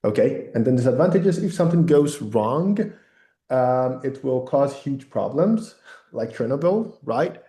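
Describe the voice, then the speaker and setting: A man with a mellow voice teaches informally at an unhurried pace. He guides the discussion with frequent short check-ins, and the sound is roomy and echoing. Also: medium pitch, animated. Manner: checks in often with "okay, right, yeah". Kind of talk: informal online lesson, guiding discussion.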